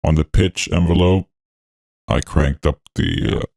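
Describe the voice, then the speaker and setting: A man talking through a voice changer that deepens his voice. He hosts a music production tutorial, narrating each step in a laid-back, technical way with frequent fillers. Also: unhurried, gravelly, a little mellow, no room sound, studio quality. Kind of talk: walkthrough narration over a screen recording.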